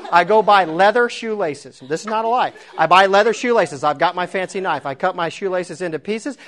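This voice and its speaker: A man preaching through a long comic story, self-mocking and animated. His voice sits a little high for a man, and he often laughs at his own tale before turning to the lesson. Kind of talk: storytelling sermon.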